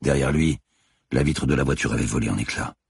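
A man narrating a thriller audiobook in a tense, measured, scripted delivery. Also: a bass voice, vocal fry, husky, no echo, clean studio sound.

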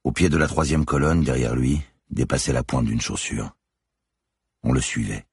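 Deep husky guy reading a thriller audiobook, slow and suspenseful, very dry sound. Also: darkish tone, no room sound. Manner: measured, suspenseful, deliberate phrasing. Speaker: audiobook narrator. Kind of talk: scripted narration.

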